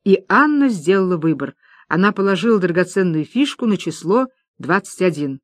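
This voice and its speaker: An audiobook narrator reading a novel aloud in a lively storytelling manner, voicing the dialogue. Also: medium pitch, moderate pace, dry recording. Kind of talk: scripted narration.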